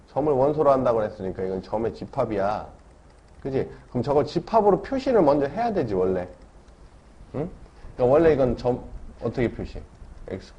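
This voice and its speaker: In a dull, lo-fi classroom recording with faint noise, a man with a medium-pitched, mellow voice gives a math lecture. His manner is casual, and he keeps checking in with students through tag questions as he explains.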